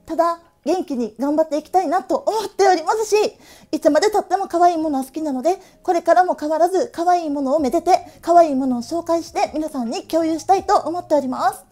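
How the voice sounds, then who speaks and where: A cheerful woman in her late thirties talks to her viewers in a very high voice with a Tokushima Awa-dialect accent, laughing easily between her remarks. Her tone is soft and mellow, and light music plays faintly behind her. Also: fast. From Tokushima, Japan. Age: late 30s. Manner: cheerful, chatty, laughs often. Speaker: stationery vlogger. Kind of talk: casual chat to camera.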